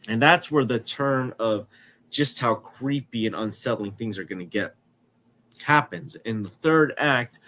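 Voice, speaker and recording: A man in his twenties speaks in a fairly low voice, congested from a cold. His nose sounds stuffy as he delivers casual film review commentary, often restating a phrase to stress it. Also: fairly bright tone, a little hiss or hum. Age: 20s. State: has a cold. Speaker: film review podcast host.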